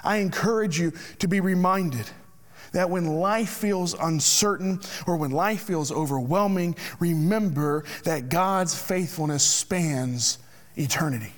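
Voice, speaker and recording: A man preaching a sermon as pastor, slow and deliberate, sometimes dropping to a hushed near-whisper. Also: fairly high pitch.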